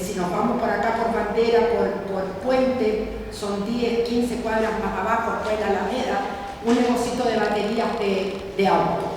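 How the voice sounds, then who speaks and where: A woman presenting a book at a book fair, talking in a halting way with many fillers and rhetorical asides. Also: a little high. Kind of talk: public talk at a book fair. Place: large hall at a book fair. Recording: echoey hall from far off, background noise.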